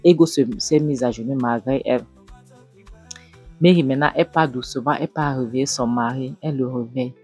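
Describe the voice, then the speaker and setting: A man retelling a film's plot in an animated storytelling manner. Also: medium pitch, a little fast, breathy edge, soft background music. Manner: lively, repetitive, acts out dialogue. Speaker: film recapper.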